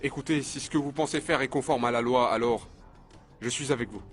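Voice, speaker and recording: A man playing a brisk, stern cartoon inspector. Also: medium pitch, faint music behind, close to an everyday voice. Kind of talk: dubbed cartoon dialogue.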